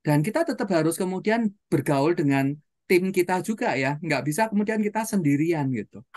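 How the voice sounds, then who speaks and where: Brief: trainer telling audience stories, mid pitch, chatty asides, dry close sound. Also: lively intonation, a little fast, a little mellow, no echo. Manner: storytelling, with frequent rhetorical questions and "gitu ya" tags. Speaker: seminar trainer. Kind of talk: motivational seminar talk.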